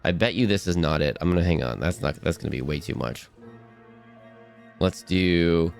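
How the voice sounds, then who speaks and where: A man's voice: low voice, normal speed, gravelly, a little mellow, faint music behind. A man casually chatting while streaming a game, upbeat and talkative, reading chat aloud.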